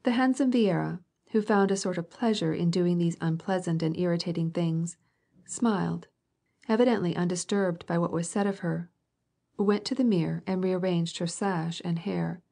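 In a measured, even storytelling style, a woman reads a classic novel aloud for an audiobook. Her voice is on the low side and gravelly.

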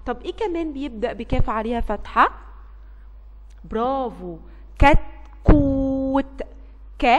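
A woman's voice: high-pitched, a bit bright, big-room sound. A young woman with an Egyptian Arabic accent teaching a children's phonics lesson, patiently drawing out letter sounds and encouraging the class.

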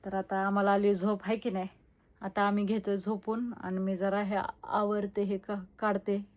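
A woman's voice: medium pitch, level tone, normal speed, darkish tone, dull audio. A young woman, chatting casually in a family vlog and teasing the kids. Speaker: vlogger.

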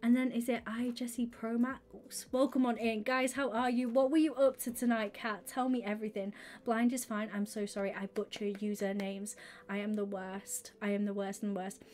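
A young woman chatting casually on her live stream, bubbly and quick to laugh. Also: fairly high pitch. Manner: bubbly, laughs often, squeals when excited.

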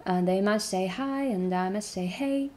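With a mellow, medium-pitched voice, a woman whose mother tongue is Mandarin Chinese walks through English song pronunciation casually, voicing the lyrics slowly word by word.

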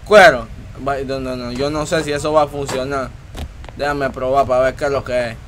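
A man giving let's-play commentary, excitable, yelling and taunting the game monster. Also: medium pitch, moderate pace, a little hiss or hum. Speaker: gamer host.

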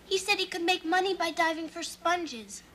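A woman's voice: very high-pitched, moderate pace, heavy background noise. An actress playing a naive, lovesick American teenage girl, plaintive and earnest in a television sitcom. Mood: heartbroken. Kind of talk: television sitcom acting before a studio audience.

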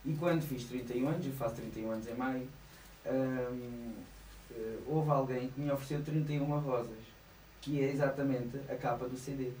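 A man's voice: medium pitch, fairly even intonation, brisk, mellow, reverberant, distant mic, slight background noise, low-quality recording. A man in his thirties with a European Portuguese accent, a singer chatting as a guest in a small radio studio, laughing often and hesitating. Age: 30s. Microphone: studio mic, headphones on.

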